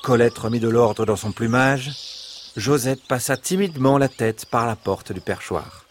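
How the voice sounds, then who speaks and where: A man narrating a children's bedtime story in an expressive, dramatic storytelling manner. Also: mid-range voice, moderate pace, slight background noise.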